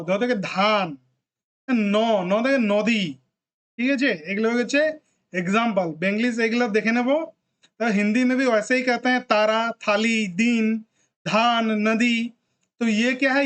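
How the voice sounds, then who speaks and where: Patient teacher drilling letter sounds. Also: medium pitch. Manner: drills sounds one by one with frequent check-ins. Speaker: language teacher. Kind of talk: classroom lesson.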